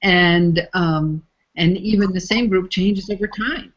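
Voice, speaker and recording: This is an American woman with a lowish voice, a facilitator being interviewed. She talks slowly and reflectively, searching for words as she goes, and the audio sounds dull.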